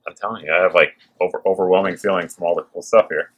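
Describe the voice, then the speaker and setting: Quick-paced and fairly bright in tone, this man's low voice keeps fairly even intonation as he hosts an informal, upbeat gear showcase to camera. Working factory machines and clicks are audible behind him.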